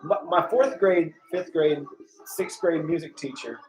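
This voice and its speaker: A man's voice: fairly high pitch, unhurried. A man hosting a podcast, chatting casually and telling anecdotes. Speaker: podcast host. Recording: roomy, echoing sound.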